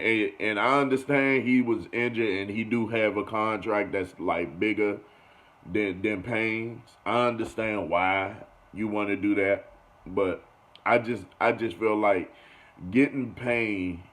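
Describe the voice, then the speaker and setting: Casual low-voiced sports vlogger, man. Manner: loose and conversational, repeats phrases, keeps saying "you feel me". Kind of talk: casual sports commentary monologue.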